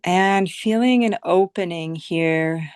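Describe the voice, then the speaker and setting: A woman teacher leads a guided visualization meditation, speaking soothingly in short phrases separated by long, unhurried pauses. Her voice is on the low side and clean, recorded dry with studio quality.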